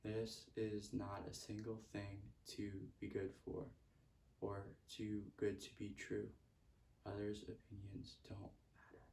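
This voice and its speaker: A man's voice: fairly low pitch, completely flat delivery, takes it slowly, gravelly, a little mellow, recorded from a distance. A man giving a motivational self-help talk, repeating earnest affirmations. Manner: earnest, repetitive affirmations with stray laughs. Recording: echoey room, speaker off-mic.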